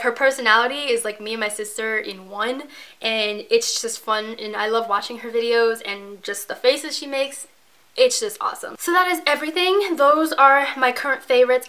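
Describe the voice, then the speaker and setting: A young woman from Tampa chats about her favorite things on her vlog, bubbly and gushing. Her voice sits a little high and rings bright and forward. She sounds a bit tired and out of breath. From Tampa, Florida. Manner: gushing, bubbly, repeats "obsessed" and "like". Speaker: beauty YouTuber. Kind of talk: casual vlog chat to camera.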